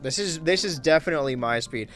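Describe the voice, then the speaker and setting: A young man casually chatting on a gaming livestream, wry and relaxed, reading chat aloud while he plays. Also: a little high, fast, faint music behind. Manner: laid-back, wry, reads chat aloud while playing. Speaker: streamer and YouTuber.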